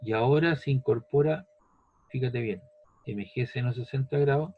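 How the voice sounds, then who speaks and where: A husky, mid-range male voice at normal speed comes through lo-fi audio. He patiently teaches physics one step at a time, repeating each step and checking in with "¿ves?" and "¿cierto?" to make sure the student follows.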